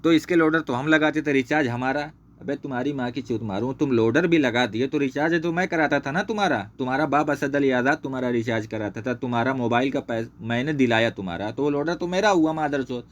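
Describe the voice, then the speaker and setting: Speaking quickly with hardly any pauses, a man with a mid-range voice delivers a screen-share rant against a former associate. As the channel host, he's enraged and profane throughout, pointing things out on screen and saying the same things again and again.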